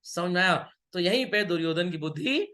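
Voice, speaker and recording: A man's voice: high-pitched, lively intonation, fairly quick, sharp tone. A middle-aged man teaching business studies in an online class, mixing Hindi and English and playfully teasing and checking on his students. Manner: teases and scolds students playfully.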